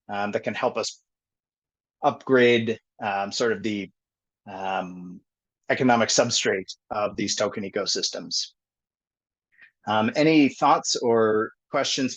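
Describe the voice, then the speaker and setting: A man presenting a technical topic on a group call, thinking aloud with many pauses and fillers. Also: mid-range voice. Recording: dull lo-fi call audio.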